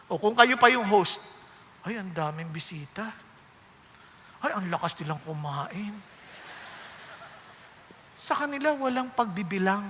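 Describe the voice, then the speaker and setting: A man preaching a sermon as pastor, animated, often asking the congregation rhetorical questions. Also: very high voice, big-room sound.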